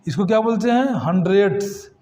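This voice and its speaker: A high-pitched man teaches a math lesson to children. He keeps quizzing them, then answers his own questions in a patient, repetitive classroom manner. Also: animated, a little fast, warm tone. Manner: addresses students as kids, asks and answers his own questions. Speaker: math tutor.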